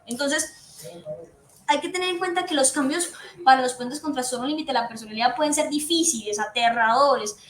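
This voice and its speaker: Her voice high-pitched and a bit bright, a woman psychiatrist from Colombia talks a little fast as she earnestly explains matters to patients' families, restating key points. The room echoes, with faint background noise.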